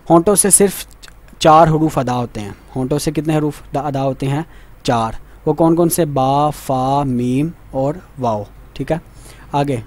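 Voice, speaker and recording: A man teaching a Quran reading lesson, patient, repeating points and asking checking questions, saying Arabic letters slowly and carefully. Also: on the high side, a little mellow.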